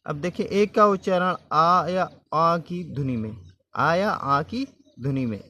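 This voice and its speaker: A man's voice: a little high, lively intonation, slow pace, bright, forceful tone. A man teaching English vowel sounds, spelling words out letter by letter and repeating them.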